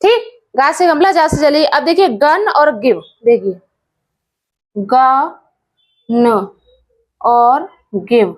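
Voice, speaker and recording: A patient woman teacher, speaking in a high voice at an unhurried pace. She repeats each word and spells it out letter by letter. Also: lively intonation, a little mellow. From India. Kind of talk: English pronunciation lesson.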